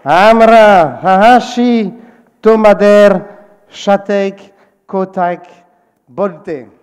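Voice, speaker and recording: A man moderating a formal event, speaking haltingly and searching for his words in a large conference hall. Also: sits high, clear, resonant tone, a faint crowd. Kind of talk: formal welcome speech.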